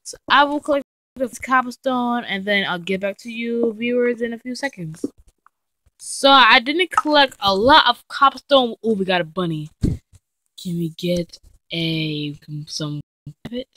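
A woman giving casual, chatty gameplay commentary, talking straight to her viewers and getting excitable and easily frightened as she plays. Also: on the high side, moderate pace, dry recording. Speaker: let's play gamer.

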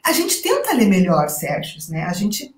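A woman literature professor from Brazil, speaking in a talkative, animated conversational way with a thin, cracked, reedy voice. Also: medium pitch, normal speed. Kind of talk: lively conversational interview. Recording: roomy echo.

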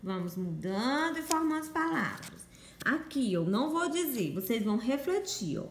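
Lively, sing-song Brazilian woman teacher. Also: a little high, roomy sound, a little hiss or hum. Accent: Brazilian Portuguese. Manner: sing-song, coaxing teacher voice with drawn-out letter sounds. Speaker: primary school teacher. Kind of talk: recorded phonics lesson for children. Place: home room. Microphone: phone or home camera, voice only.

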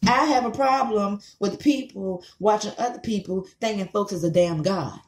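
Speaking to camera from an echoey small room, a thirtysomething American woman who vlogs online commentary delivers a blunt, casual rant. She swears freely, repeats herself for emphasis, and has a mid-range, slightly mellow voice.

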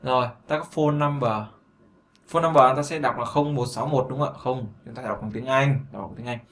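A man's voice: mid-range voice, steady tone, brisk, a bit bright. A man with a Vietnamese accent teaching a beginner English lesson, chatty, repeating words often and breaking in with fillers and asides. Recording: echoey room with faint noise.

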